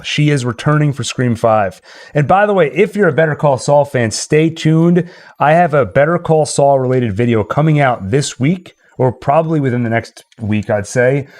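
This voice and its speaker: A man with a medium-pitched, slightly mellow voice hosts a casual livestream, chatting and talking straight to his viewers. Game and tune music plays behind him.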